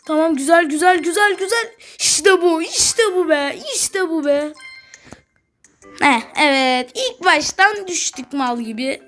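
Excitable high-voiced woman narrating gameplay. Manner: excitable, swears playfully, talks to the game. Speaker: gaming channel host. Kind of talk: casual game commentary.

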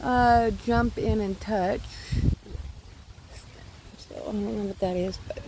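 Woman, phone-filmed walk in a park, rambling chatty delivery, slow pace, faint outdoor noise behind. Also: medium pitch, steady tone, vocal fry. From California. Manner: chatty, rambling, coos at animals. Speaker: vlogger. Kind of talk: casual walking vlog. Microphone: phone held while filming.

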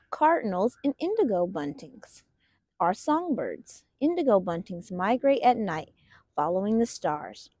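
A woman reads a picture book for children aloud, her delivery lively and swooping as she lingers expressively over each word like a storyteller. Her voice sits on the high side, and the audio is dry, close and dull, with no room echo.

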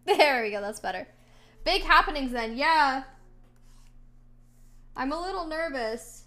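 A woman's voice: sits high, expressive, a little slow, bright, forceful tone. A woman streamer chatting casually with her viewers, greeting them and answering chat with many fillers and restarts.

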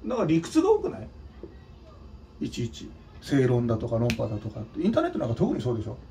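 A man's voice: medium pitch, wildly swooping pitch, fast, vocal fry, warm tone, far from the mic, a little hiss or hum. A man from Nagano, Japan, hosting his own channel, giving a blunt, scolding opinion monologue with mocking asides. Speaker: channel host and drummer.

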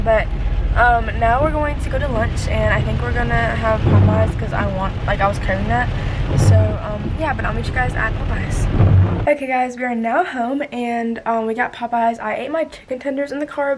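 In a fairly high-pitched female voice, a young teenage vlogger around 13 rambles casually to the camera in a daily vlog, often trailing off with "but yeah." Recording takes place in her bedroom or sometimes a car, with the camera held at arm's length. The handheld camera audio is poor and carries clear background noise.

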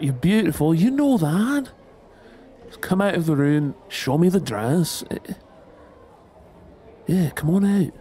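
A man's voice: high voice, mellow, a little hiss or hum, full character voice. A man playing an affectionate young boyfriend in a role-play to the listener, coaxing with sweet endearments. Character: affectionate, impatient young Celtic boyfriend, sweet-toothed and exasperated.

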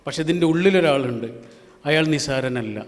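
A man preaching an Islamic sermon, asking rhetorical questions, chanting verses slowly, and swinging from loud to hushed. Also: medium pitch, expressive. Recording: long hall reverb.

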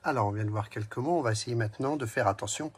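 His speech is quick and slightly rough at medium pitch as he teaches young children to read. Still, the lesson is slow and clearly spelled out: he says each word twice, breaks it into syllables, and talks gently and directly to the child.

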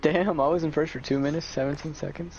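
A man's voice: fairly high pitch, fairly even intonation, fast, a little mellow, muffled recording, soft background music. A young man in casual gaming banter, slangy and teasing. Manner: slangy, laid-back teasing. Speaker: friend playing along. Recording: gunfire from the game behind.

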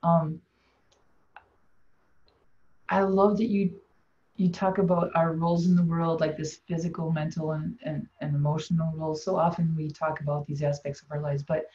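A woman hosting a webinar interview over a video call, friendly and gently guiding the talk. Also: low-pitched, flat delivery, normal speed. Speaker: webinar host. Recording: muffled video call audio.

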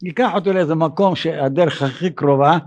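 An older man, a rabbi giving an evening sermon, who pauses often and acts out dialogue in an animated, raised voice. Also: on the high side, lo-fi sound. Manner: halting, with frequent hesitations.

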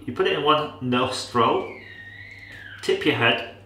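In a small, echoey tiled bathroom, a male vlogger in his thirties walks through a casual how-to demo with the camera close in front and tap water running behind. He has a nasal, mid-range voice, pushed and bright, with lively intonation at a slow pace, and he's chatty, self-mocking and full of rambling asides.

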